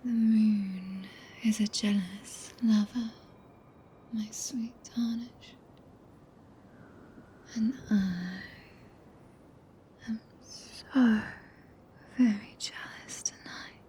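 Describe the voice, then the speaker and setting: A British woman voicing a tender, possessive, regal witch in a breathy, intimate whisper for an ASMR roleplay, speaking archaic English close to the microphone. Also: medium pitch, fairly even intonation, a little hiss or hum. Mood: jealous, intimate. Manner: slow, hushed, intimate, solemn. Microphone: close binaural microphone.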